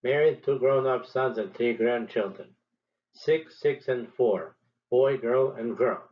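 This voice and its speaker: This is a man, talking through his teaching approach as a statistics professor. He speaks in a measured, deliberate way and pauses between his points. His voice sits at an average pitch, and the recording has a slightly dull, muffled, lo-fi sound. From Serbia.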